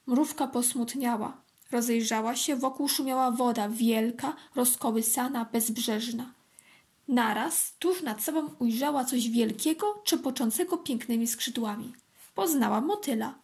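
A woman calmly and gently reading a children's story aloud. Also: on the high side, a little slow. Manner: calm, clear, gently expressive.

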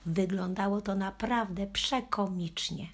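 A woman's voice: medium pitch, unhurried. A woman reading a children's story aloud in the first person as a playful puppy, with a wry storytelling manner. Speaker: audiobook reader.

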